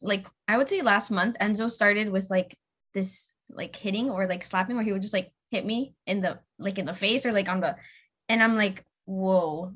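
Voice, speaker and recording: A woman's voice: mid-range voice, bright, forceful tone. A woman in her thirties, a speech therapist guesting on a podcast, chatting casually with lots of fillers and acted-out quotes.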